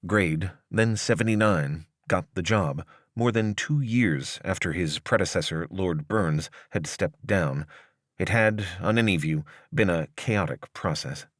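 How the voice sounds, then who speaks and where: Reading a piece of long-form journalism, a man with a low voice speaks in a formal, measured, articulate way from a script. The audio is dry and close, with almost no room around him and no echo.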